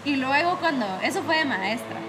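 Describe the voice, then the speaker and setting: A woman's voice: high-pitched, moderate pace, noisy background. Young woman telling work stories. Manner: animated storytelling, acts out her bosses' scolding; frequent fillers like "¿verdad?" and "va". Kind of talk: casual chat.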